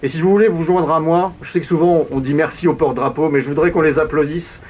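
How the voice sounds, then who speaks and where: A man with a French accent leads a commemoration as master of ceremonies, speaking in a measured, formal way. His voice sits a little high and carries through a public address microphone in the open air, with a light hiss behind it. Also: fairly even intonation. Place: outdoors at a monument.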